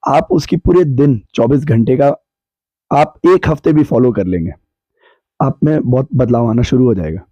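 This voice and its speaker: A man with a sore, hoarse throat, explaining his views on a podcast in a measured way that weighs both sides. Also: medium pitch, lively intonation, mellow, no room sound, muffled recording. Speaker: podcast guest answering questions. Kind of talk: reflective podcast discussion. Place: cold hill town, bundled up.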